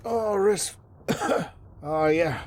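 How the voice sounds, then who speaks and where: A man voicing a stubborn, wounded old man in a tabletop role-play, wheezing and talking in a folksy, rambling, halting way. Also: a little high, a little mellow. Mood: exhausted relief.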